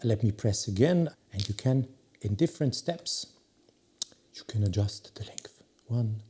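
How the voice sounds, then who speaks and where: A man's voice: fairly low pitch, animated, dark tone, slightly rough. A man reviewing a watch, opinionated and emphatic. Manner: opinionated, emphatic, drawn-out pauses. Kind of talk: product review talk.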